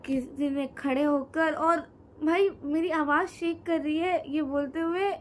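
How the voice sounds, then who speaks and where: A woman's voice: high voice, steady tone, a little slow. A teenage girl narrating a horror story to viewers, chatty and talking straight to them, with dry asides, recorded on a phone at home. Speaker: co-host storyteller. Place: indoor room, on a sofa.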